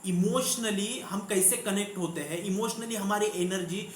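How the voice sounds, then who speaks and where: A man's voice: sits high, unhurried. A man coaching an online class, telling a story at length and repeating phrases, with many fillers. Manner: repetitive, storytelling, frequent fillers. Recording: echoey room, faint background hum.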